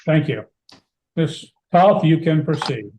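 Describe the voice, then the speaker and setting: A man's voice: on the high side, expressive, slow pace, darkish tone, a little hiss or hum. A man speaking as a judge in formal court proceedings, putting questions in procedural, formulaic wording, with a roomy echo. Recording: roomy, echoing sound.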